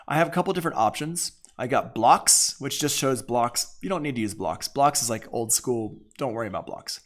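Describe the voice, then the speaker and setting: With a medium-pitched voice, a man teaches music production software in a relaxed, conversational way, thinking out loud as he goes through the tutorial.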